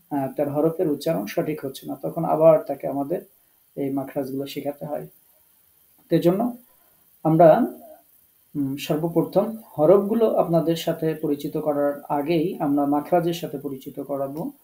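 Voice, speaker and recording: A man with a Bangladeshi Bengali accent teaching an online Quran recitation class, explaining earnestly with pauses and English words mixed in. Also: a little high, gravelly, warm tone, low-quality recording.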